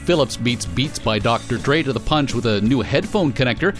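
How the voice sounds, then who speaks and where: A man's voice: medium pitch, animated, a little fast, soft background music. A man co-hosting a tech podcast, joking and chatting casually. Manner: playful, joking. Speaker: podcast co-host.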